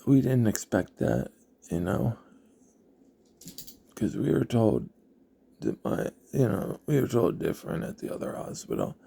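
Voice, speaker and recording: Man telling his own story, halting and reflective; gravelly, husky voice, low-pitched. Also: sing-song, mellow. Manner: halting, reflective, many pauses. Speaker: vlogger. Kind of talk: personal storytelling.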